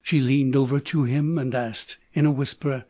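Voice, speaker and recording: A man's synthetic text-to-speech voice reading scripted audiobook narration in an even, measured way. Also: medium pitch, no room sound, clean studio sound.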